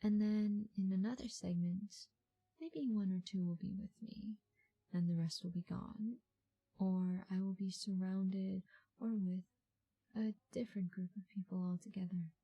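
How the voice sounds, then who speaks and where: A woman in a soft, breathy ASMR ASMR role-play as a patient, reassuring call center agent, speaking in unhurried phrases with murmured acknowledgements. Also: mid-range voice, steady tone, highs cut off.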